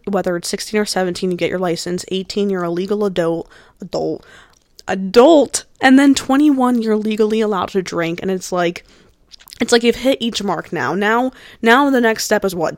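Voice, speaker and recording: A New Jersey podcast host in her early twenties chats casually on her solo show, rambling and restarting with plenty of fillers. Her voice sits in the mid range, recorded with no echo.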